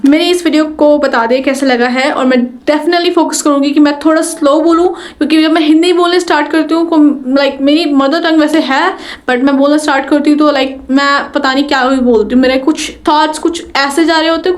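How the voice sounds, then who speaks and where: A woman's voice: high voice, steady tone, a little fast. A young woman in her twenties from Delhi with an Indian English accent, giving chatty, encouraging tips on learning English in a casual vlog and often restarting her sentences. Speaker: beginner vlogger teaching spoken English. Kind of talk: casual talking-to-camera vlog.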